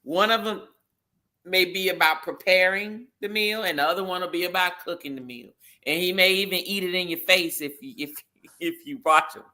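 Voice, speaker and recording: Bright-voiced man in casual chat. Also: sits high, moderate pace. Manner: animated, emphatic, laughs often. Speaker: podcast co-host.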